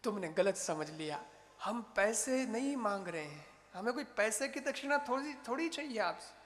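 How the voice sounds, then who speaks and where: A man voicing a calm, kindly male saint who speaks patiently and coaxingly. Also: high voice, normal speed. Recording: reverberant hall, faint noise.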